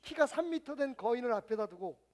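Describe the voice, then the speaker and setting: High-voiced male pastor preaching. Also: fairly quick. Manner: storytelling, animated acting out of scenes. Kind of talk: sermon.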